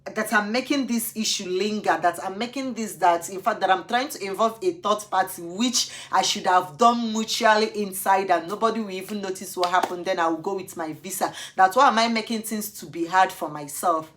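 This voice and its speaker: Animated Nigerian woman telling a story. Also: medium pitch, a little fast, few pauses. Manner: animated, acts out both sides of the argument. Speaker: vlogger. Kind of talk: storytime chat while doing makeup.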